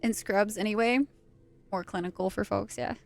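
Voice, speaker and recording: A woman's voice: medium pitch, steady tone, moderate pace, vocal fry. A young woman live-streaming a game, chatting casually and playfully, swearing now and then, close on the mic. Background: faint game music.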